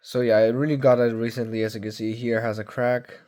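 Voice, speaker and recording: A man's voice: medium pitch, little pitch movement, warm tone. Rambling young man reviewing phones. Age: young adult. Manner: rambling, halting, many fillers and self-corrections. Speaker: tech vlogger. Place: at home.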